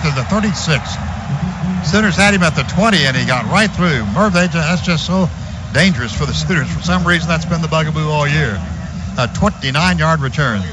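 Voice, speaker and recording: On a stadium radio booth broadcast, a man does live play-by-play for a football game, staying calm between plays and then climbing sharply in pitch and volume when big action breaks. The audio is muffled, lo-fi radio with background noise.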